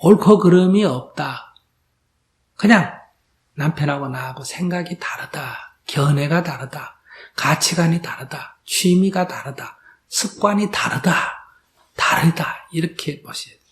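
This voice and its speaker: A man's voice: fairly high pitch, a little slow. A man, a Buddhist monk, giving a question-and-answer dharma talk to an audience, asking rhetorical questions and acting out quoted dialogue. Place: lecture hall before an audience.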